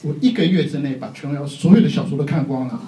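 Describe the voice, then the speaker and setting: A middle-aged man preaches a sermon in a relaxed, joking manner, laughing often at himself. His voice sits fairly high and sounds mellow. He is picked up from a distance in a roomy, echoing hall. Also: fast talker. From Taiwan. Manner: chatty, self-mocking, laughs often. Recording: echoey hall, faint background noise.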